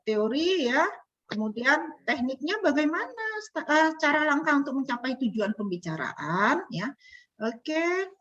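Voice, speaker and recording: A woman with an Indonesian accent coaching a group online, asking them questions in a lively teacherly way. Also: high voice. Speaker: communication coach. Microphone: video call. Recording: dull lo-fi video call audio.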